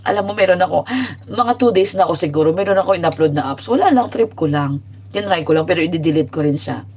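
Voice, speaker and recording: A woman's voice: fairly low pitch, expressive, quick pace, darkish tone, breathy edge. A woman from the Philippines hosting a casual livestream, chatty and sassy as she mixes Tagalog and English. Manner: sassy and teasing. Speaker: livestream host. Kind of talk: casual live-stream chat.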